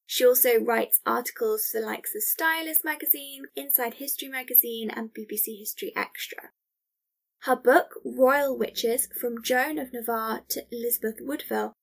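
A woman's voice: on the high side, moderate pace, gravelly. A woman hosting a podcast in a chatty, scripted style, with an effusive, enthusiastic manner. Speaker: podcast host.

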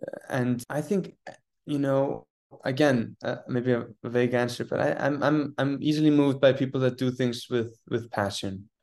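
On a casual interview podcast, an Icelandic man in his twenties, a theater artist, answers thoughtfully at a moderate pace. His medium-pitched voice is slightly mellow, and he often restarts and repeats words.

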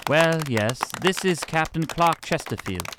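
In a comedy audio drama, a man plays a polite, fussy military officer, sounding formal, patient, and slightly flustered. His voice is on the high side, expressive and unhurried, with background noise present.

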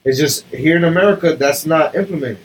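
A man's voice: on the high side, slight background noise, low-quality recording. A man with a Dominican family background, bantering bluntly and jokingly on a casual podcast. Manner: blunt, joking, quick to argue.

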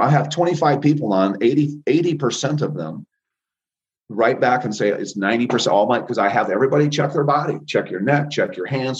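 Heard through dull audio, a medium-pitched man in his fifties joins a call as a guest energy healer. His casual interview talk is emphatic and repetitive, delivered with great confidence.

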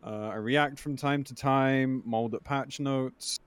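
Clear-voiced man, close and dry. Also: medium pitch, fairly even intonation, slow, dry recording. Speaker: guest streamer. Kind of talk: casual chat. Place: remote online group call.

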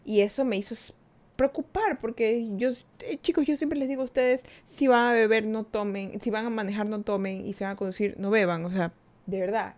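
A young woman hosting a podcast, telling a personal story in a casual, animated way and acting out what people said. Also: mid-range voice, fairly quick. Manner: animated, chatty, acts out quoted dialogue. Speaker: podcast host.

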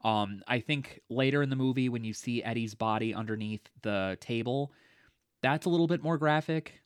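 A man's voice: medium pitch, normal speed, clear, resonant tone, no room sound. Chatty guy on a podcast, lots of ums and likes, laughs a bunch, dry close mic. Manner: chatty, laughs often, many fillers. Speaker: podcast co-host. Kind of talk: casual movie discussion.

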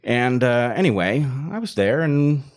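This male storyteller guest has a medium-pitched voice with big swings in pitch and speaks a little slowly. He casually rambles through a long personal anecdote, interrupting himself with fillers and circling back.

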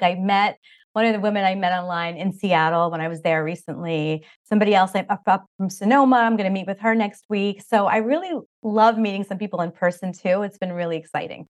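A middle-aged woman talking as a podcast guest in an enthusiastic, rambling way, full of "like" and "you know.". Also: mid-range voice. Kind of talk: casual interview chat.

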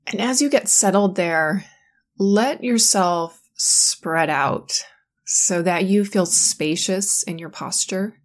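A woman guiding a sleep meditation in a calm, soothing, slow manner. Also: medium pitch. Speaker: meditation guide.

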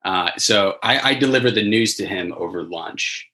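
A man's voice: lowish voice, moderate pace, bright, forceful tone, low-quality recording. A man co-hosting a casual chat, telling stories from his sales job with frequent restarts and laughter.

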